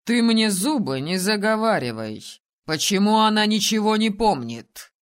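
A woman reads as an ancient male ruler, hoarse and volatile, who snaps and shouts in a storybook reading. His voice sits low for her and swings widely in pitch. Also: animated, a little slow. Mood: furious. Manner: shouting, snapping, biting. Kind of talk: audiobook character voicing.

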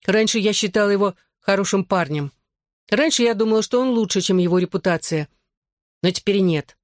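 A reader voicing a bubbly, excitable teenage girl who fiercely takes her best friend's side. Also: mid-range voice, no echo, clean studio sound, natural voice. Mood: indignant. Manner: quick to excitement and indignation.

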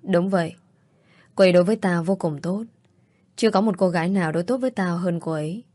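A young man full of regret, voiced by a woman reader in a storybook, scolding himself bitterly. The voice is fairly low. The recording is dry and close. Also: fast talker, warm tone, dry recording, lightly acted. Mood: regretful. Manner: bitter self-reproach. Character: regretful young man, self-blaming, tearful.

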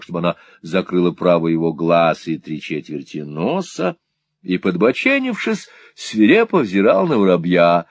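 A man's voice: low voice, dry recording. Guy reading a classic novel aloud, voice rises and falls a lot, dry close sound. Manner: expressive, theatrical storytelling. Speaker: audiobook narrator. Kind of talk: literary audiobook narration.

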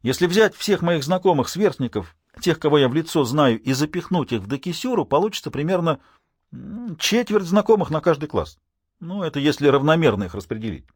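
A man voicing a cheerful, easygoing teenage boy from a noble clan who explains things in a relaxed, offhand way. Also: fairly high pitch, brisk, slightly rough, no echo, clean studio sound, pitched above the performer's own voice.

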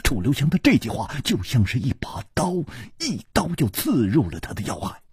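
A man's voice: medium pitch, huge pitch swings, normal speed, darkish tone, husky, dry recording, studio quality. A male storyteller in the traditional style, dramatic and swooping in delivery.

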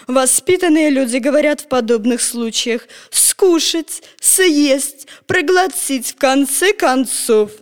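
A woman's voice: high voice, lively intonation, takes it slowly, hardly any pauses, voice pushed up. A woman voicing a prim old grandmother. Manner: prim and correcting. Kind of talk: storybook reading. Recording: long echoing reverb.

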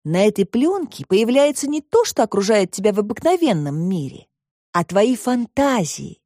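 A woman reader voicing a bold, inventive little girl in an audiobook, with a high, eager childlike delivery. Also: sing-song, normal speed, dark tone, no room sound, studio quality. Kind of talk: audiobook reading.

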